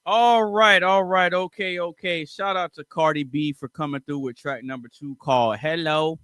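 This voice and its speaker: A man's voice: on the high side, steady tone, moderate pace, sharp tone, slight background noise. A man hosting a casual music reaction, giving opinionated commentary and lecturing straight to his viewers.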